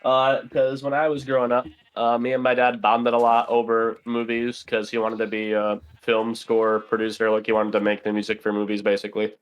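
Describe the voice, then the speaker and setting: A man's voice: fairly low pitch, completely flat delivery, a little fast, few pauses, clean tone. A young man, a podcast guest, chatting casually and rambling with lots of fillers while playing a game. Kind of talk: casual chat while gaming.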